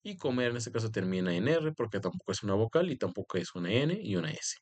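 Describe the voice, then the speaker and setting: A man's voice: lowish voice, sing-song, fast, darkish tone. Man teaching a grammar lesson. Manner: explanatory, repeats "en este caso" as a filler.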